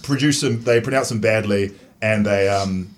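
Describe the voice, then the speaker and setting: A man's voice: lowish voice, moderate pace, a little hiss or hum. A man with a broad New Zealand accent chats casually as a joking host, blokey, sweary and self-deprecating. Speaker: host and stand-up comedian.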